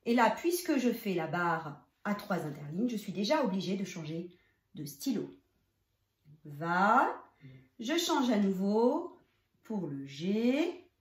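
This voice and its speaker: A woman teacher guides a child through handwriting, one slow stroke at a time, in a fairly high voice that rises and falls a lot. Her voice rings in a roomy, echoing space. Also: darkish tone. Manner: slow, step-by-step explaining, addressing the child as "tu". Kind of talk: handwriting lesson for young children. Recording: roomy, echoey room.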